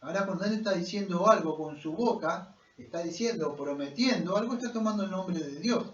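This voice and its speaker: A man preaching in church, pushing hard on key words and filling pauses with "eh". His voice sits high and lively. The sound is dull and distant, with a roomy echo around it. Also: noisy background. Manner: preaching with emphatic rises and many fillers. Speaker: pastor. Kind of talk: sermon.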